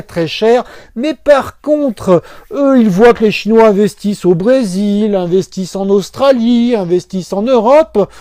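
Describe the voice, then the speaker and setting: Male commentator, high and dry, thinking aloud with many pauses. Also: dark tone, dry recording. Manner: speculative, musing, frequent hesitations. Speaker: football video commentator. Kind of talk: informal explanatory monologue.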